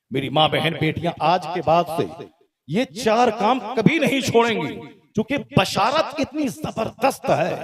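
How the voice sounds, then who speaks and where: A man preaching a fiery sermon at a religious gathering, swelling in pitch and volume through his lists and dropping low for asides to the audience. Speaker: Islamic preacher. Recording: live event with crowd noise. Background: crowd.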